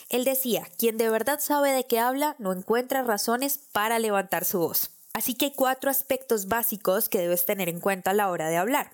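A woman hosting a podcast, teaching public speaking in a clear, measured, explanatory way. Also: mid-range voice. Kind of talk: scripted podcast lesson.

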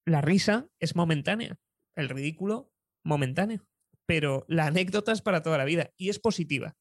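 Young man from Spain, Spanish accent, lively anecdotal storyteller, dry recording. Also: fairly high pitch, a little fast, no echo. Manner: lively storyteller, chuckles often. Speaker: public speaking coach.

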